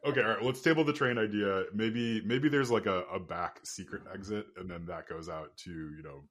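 A man talking casually as a game master, thinking out loud on a podcast. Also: fairly low pitch, normal speed.

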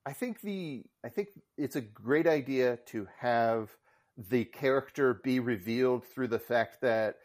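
A man's voice: medium pitch, unhurried, darkish tone. A male podcast co-host chatting casually and jokingly.

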